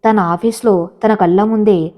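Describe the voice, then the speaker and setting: A woman giving a steady, dramatic scripted story narration. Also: medium pitch, a little slow, highs cut off. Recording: long hall reverb.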